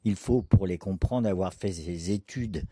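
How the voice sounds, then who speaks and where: Un homme lisant un pêcheur rude au grand cœur. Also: male voice, low voice, a little slow, dark tone, breathy edge, no echo, clean studio sound. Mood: earnest. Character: poor, rough, good-hearted fisherman. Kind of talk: dramatic poetry reading.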